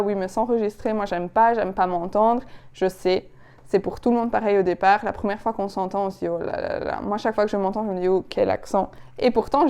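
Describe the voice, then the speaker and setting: A woman's voice: medium pitch, clear, resonant tone. Woman with a Belgian Ardennes accent. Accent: Belgian French, Ardennes. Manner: energetic, emphatic, repeats words when stressing a point. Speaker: public speaking coach. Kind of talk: direct-to-camera coaching video.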